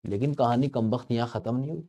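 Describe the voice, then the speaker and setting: A man's voice: mid-range voice, fast talker, dark tone. A man teaching a grammar lesson in a chatty, storytelling way, playfully stretching out words to make a point. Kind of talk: explaining English grammar to learners.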